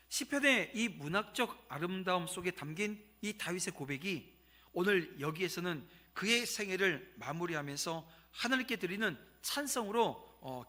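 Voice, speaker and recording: A man's voice: high-pitched, sharp tone. A man in his fifties, a pastor delivering a Sunday sermon to his congregation, telling a story in a conversational way and turning to speak to the listeners. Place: church sanctuary.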